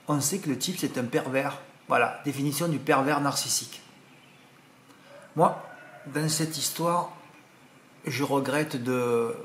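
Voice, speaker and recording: A man from France talks straight to his viewers in a loose, rambling monologue, circling back over the same words and getting indignant as he goes. His voice sits at an ordinary middle pitch. The recording is roomy and echoey, with faint noise behind him. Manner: rambling, repeats himself, indignant. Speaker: vlogger.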